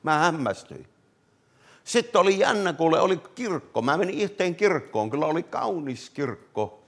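Fervent preacher man, lively pitch. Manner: fervent, swings from loud to hushed; addresses listeners with "kuule". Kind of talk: revivalist sermon. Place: meeting hall.

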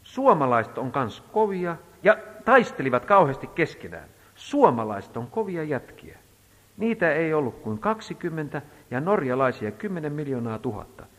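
A man preaching a sermon, telling a story in an emphatic, animated way. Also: fairly high pitch. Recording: reverberant hall.

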